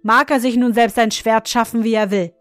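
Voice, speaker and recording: A woman voicing an odd old godfather and clockmaker, who chants a rasping, monotone clock song and speaks gruffly. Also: on the high side, measured pace, no room sound, soft background music, natural voice. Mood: grumpy. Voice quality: rasping, monotone when singing.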